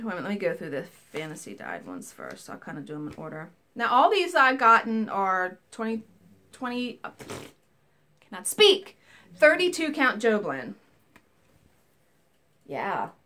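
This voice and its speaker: With a mid-range voice that's bright and forceful, a woman in her thirties shares a cross-stitch haul via webcam from a cozy home craft room. Her casual show-and-tell is enthusiastic and talkative, often wandering into asides.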